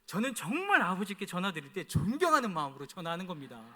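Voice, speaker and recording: A man's voice: high-pitched, huge pitch swings, fast talker, pushed and bright. A man from South Chungcheong in Korea, preaching a storytelling sermon and asking the congregation questions. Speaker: pastor. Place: church sanctuary. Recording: echoey church hall.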